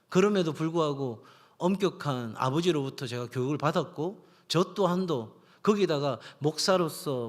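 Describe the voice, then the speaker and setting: A middle-aged man, the senior pastor, preaching a sermon in a church and telling stories, sometimes acting out the voices in them. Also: fairly high pitch. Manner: storytelling, acts out voices in anecdotes. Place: church sanctuary. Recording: long hall reverb.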